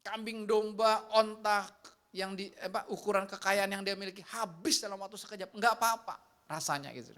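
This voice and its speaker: Male pastor with a conversational sermon style. Addresses the congregation directly, switches between animated and hushed delivery, and acts out quoted voices. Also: high-pitched, brisk. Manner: acts out quoted complaints and prayers.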